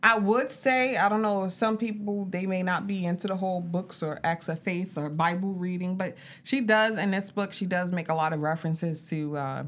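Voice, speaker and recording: A woman's voice: fairly low pitch, normal speed, hardly any pauses. A middle-aged woman co-hosting a podcast, chatting casually and animatedly, laughing often. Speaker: podcast co-host. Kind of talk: casual chat.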